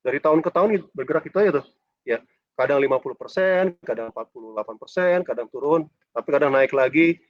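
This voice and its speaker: A man's voice: mid-range voice, quick pace, dry recording. A man lecturing a university class over a video call with a dull, choppy connection, chatty and ending phrases with a questioning "ya". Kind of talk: casual online class lecture.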